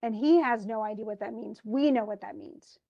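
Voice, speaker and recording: A woman teaching a play, retelling its scenes in a lively way and acting out the characters' quoted lines as she goes. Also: a little high, normal speed, gravelly, muffled recording. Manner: animated, acts out quoted lines. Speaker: literature teacher.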